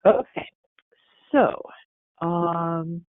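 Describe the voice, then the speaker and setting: An American man talks through a training webinar for school counselors, casual and full of fillers and restarts. His voice sits a bit high for a man. The audio is dry and narrow, like a phone call. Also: drawn-out words, no room sound. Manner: conversational, many fillers and restarts. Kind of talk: instructional webinar talk.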